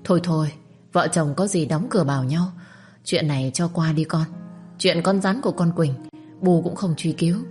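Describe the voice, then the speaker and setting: A woman's voice: sits low, moderate pace, darkish tone, soft background music, lightly acted. A woman voicing a harsh, domineering older mistress of a wealthy household, speaking in a commanding, threatening way. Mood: placating.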